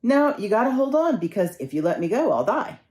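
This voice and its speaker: A man's voice: high-pitched, big pitch swings, fairly quick, a little mellow, reverberant, pitched above the performer's own voice. A woman doing a stubborn dangling man. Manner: breezy, stubborn.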